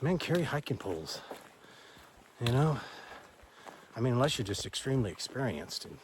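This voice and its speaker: A man's voice: mid-range voice, big pitch swings, normal speed, slight background noise. An older man from Texas, vlogging a hike outdoors on a forest trail into a handheld camera, rambling in a folksy way as he gives friendly advice. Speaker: hiker vlogger. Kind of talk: casual trail vlog.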